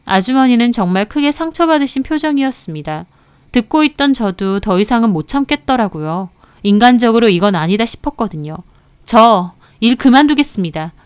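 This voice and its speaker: A woman narrating a first-person story in a clear, even storytelling manner. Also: on the high side, fairly quick, no room sound.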